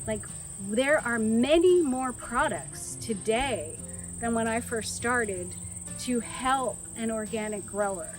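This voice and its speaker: Slow-speaking woman orchard owner. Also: a little high, expressive, music in the background, rough recording. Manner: slow and earnest, with restarts. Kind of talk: documentary interview.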